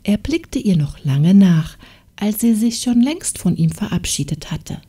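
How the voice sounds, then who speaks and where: A woman narrating a fairy tale audiobook in a calm, measured storytelling manner. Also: medium pitch, husky. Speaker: audiobook reader.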